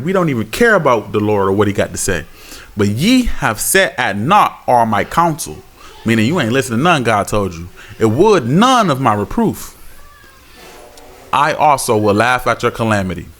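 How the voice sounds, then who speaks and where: A man teaching the Bible, reading scripture slowly and then breaking into blunt, scolding, slangy exhortation. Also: mid-range voice, a bit bright. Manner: slow measured reading, then fired-up exhortation. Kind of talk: scripture reading with preaching commentary.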